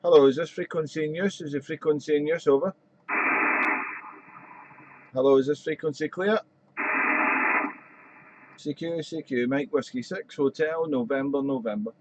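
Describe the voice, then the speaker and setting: This ham radio operator, a man, talks informally on a live stream and keeps repeating call signs at a normal pace, his fairly high voice broken by long pauses. Heavy background noise sits under the dull, roomy streamed sound.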